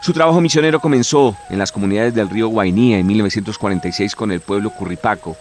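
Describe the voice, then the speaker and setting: A man with a lowish voice reads scripted documentary narration in a measured, formal tone. Soft music plays faintly behind him.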